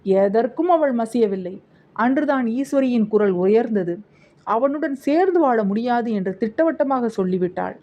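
A woman's voice: a little high, expressive, moderate pace, muffled recording. A woman narrating a novel as an audiobook, telling the story expressively.

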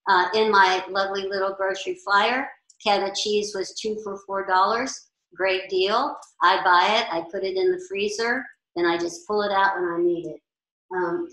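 A chef in her sixties, her voice of medium pitch and fairly bright, chats practically through a meal-planning lesson in a big indoor commercial kitchen. She stands and gestures toward boards during the casual class, and the sound bounces around the room.

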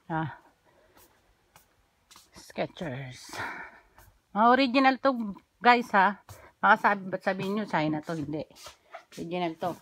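A woman's voice: medium pitch, animated, a little slow, long pauses, a bit bright. A woman gives a chatty, upbeat walking tour of the shop where she works, pointing out items to her viewers. She records it on a handheld phone inside the store and its stockroom. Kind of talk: casual walking vlog.

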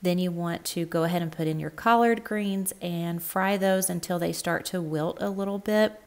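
A woman's voice: on the low side, normal speed, soft background music. Woman narrating a cooking video. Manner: friendly step-by-step instructions. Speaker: cooking channel host. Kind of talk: cook-along voice-over narration.

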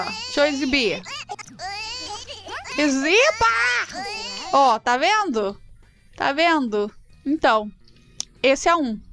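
High-voiced Brazilian woman with game music. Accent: Brazilian Portuguese. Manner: animated, swings into high dramatic outbursts. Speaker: gameplay streamer. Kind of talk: casual game commentary, partly voicing her character.

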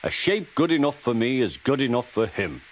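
A man's voice: medium pitch, sing-song, normal speed, a little hiss or hum, natural voice. Gordon, a man doing a pompous grumbling engine. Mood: cross. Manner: pompous, disapproving. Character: proud grumbling male steam engine, stuffy. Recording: loud music behind.

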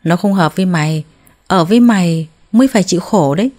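A woman voicing a harsh, domineering older mother-in-law who talks loud and scolding, with a mellow tone. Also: fairly low pitch, fast, close to an everyday voice.

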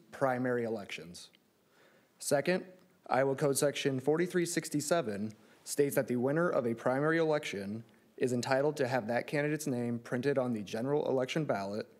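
Standing at a courtroom lectern, a man in his thirties makes a formal appeal argument as a lawyer, picked up by the lectern microphone in the large room. His medium-pitched voice is a little mellow.

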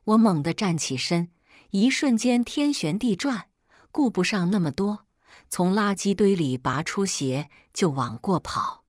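A woman narrating a first-person drama story in an emotional, expressive way. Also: medium pitch, a little slow, dry recording, studio quality. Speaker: audiobook narrator.

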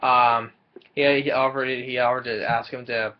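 A man's voice: medium pitch, flat delivery, normal speed, dull audio. A young man casually recapping a film's plot from a small room, often stumbling and repeating words as he goes. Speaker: movie reviewer.

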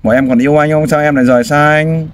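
A man's voice: fairly high pitch, fairly even intonation, fast talker. A man hosting a street interview, prompting and sympathetic, often sighing. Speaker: host interviewing a family. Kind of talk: street interview, casual and caring.

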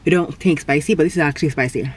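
A young woman from Canada reviewing fast food in a casual mukbang while she eats in a parked car, humming appreciatively between bites. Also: sits low, slight background noise. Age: young adult. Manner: chatty, eating between remarks, lots of appreciative hums. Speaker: food vlogger. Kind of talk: casual mukbang tasting chat. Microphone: camera on the dashboard.

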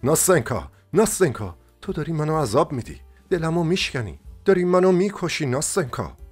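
A man's voice: lowish voice, lively intonation, faint music behind. A man voicing a lovesick young dreamer in an audiobook, urgent and impassioned.

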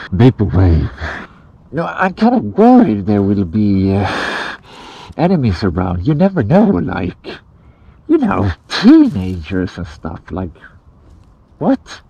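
A man vlogging casually outdoors to a handheld camera, his voice muffled by a gas mask, halting, deadpan and sweary. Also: sits low, husky. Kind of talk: casual outdoor adventure vlog talk to camera. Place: outdoors in a forest. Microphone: action camera at arm's length.

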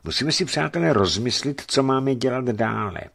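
A man voicing a tall, serious older leader who speaks in a measured, persuasive way. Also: mid-range voice, expressive, gravelly, pitched above the performer's own voice. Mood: grave. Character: tall, grave older male leader, careful planner.

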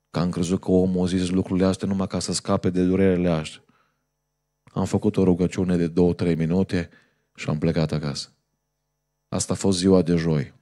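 A man's voice: deep voice, dark tone. A male pastor, preaching a fervent sermon in a church and telling a story to the congregation.

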